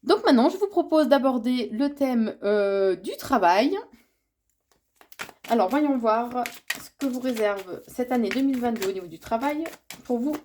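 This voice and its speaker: This tarot reader's voice is a little high and darkish, with lively intonation and an unhurried pace, though congested by a cold. Reading a yearly horoscope, she hesitates and fills it with fillers and restarts, reporting what she says she's told as if messages were coming to her.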